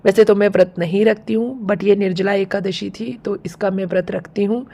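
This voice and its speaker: A woman with a sore, hoarse throat chatting casually through a home vlog, explaining things step by step. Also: medium pitch, steady tone, normal speed, dark tone. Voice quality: gravelly, husky. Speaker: home vlogger.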